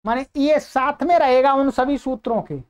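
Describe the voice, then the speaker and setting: A woman giving a grammar lesson, asking and answering her own questions and reciting examples slowly. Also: high-pitched, a little mellow. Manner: slow, drawn-out recitation of Sanskrit examples. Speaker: Sanskrit grammar teacher. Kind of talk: explanatory lesson.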